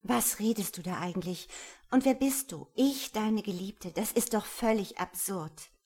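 A woman voicing a defiant young woman who reacts with sharp, indignant outbursts. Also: lowish voice, fairly quick, gravelly, breathy edge.

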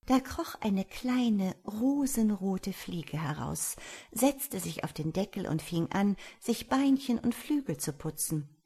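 A woman narrating a fairy tale in a calm, measured storybook reading. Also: mid-range voice, slightly rough.

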